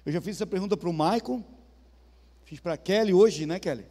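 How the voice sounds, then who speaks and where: In a reverberant church hall with soft music playing, a high-voiced male pastor from southern Brazil delivers a sermon at a moderate pace. His tone is conversational, and he asks the congregation questions.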